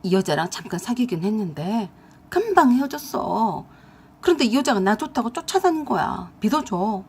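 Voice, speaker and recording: A woman voicing a young man caught out and pleading his case, defensive and husky. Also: mid-range voice, sing-song, normal speed. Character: evasive young man, cornered boyfriend.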